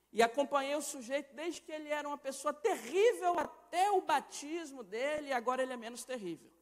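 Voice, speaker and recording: A young Brazilian man preaches with a strikingly high voice. His delivery is impassioned and swings from loud, emphatic lines to hushed ones. A long church-hall reverb trails every phrase. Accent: Brazilian Portuguese. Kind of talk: sermon.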